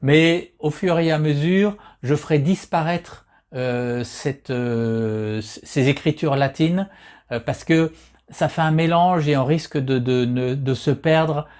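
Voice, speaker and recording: A man's voice: fairly high pitch, slow pace, darkish tone. Hesitant man teaching kanji. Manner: frequent hesitations and restarts, patient and plain. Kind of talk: hesitant explanatory lesson.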